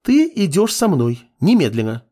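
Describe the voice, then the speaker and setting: A man's voice: very animated, moderate pace, mellow, exaggerated voice. Man putting on a teasing bossy young woman. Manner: teasing, pushy, raised high voice. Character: playful, insistent young woman, a mage's lover.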